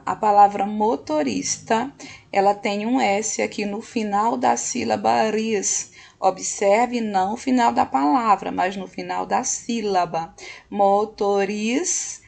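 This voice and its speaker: A woman teaches a recorded lesson in a patient, unhurried way, checking in with her students as she goes. Her voice is strongly gravelly with a husky, breathy edge. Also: mid-range voice, darkish tone. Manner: patient, slow, often checks in with "ok?".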